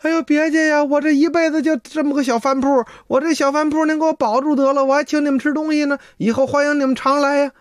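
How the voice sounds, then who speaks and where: A man's voice: extremely high pitch, level tone, fast talker, hardly any pauses, no room sound, clean studio sound, pitched above the performer's own voice. A man voicing a timid, fawning old innkeeper who stammers and pleads. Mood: pleading. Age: older.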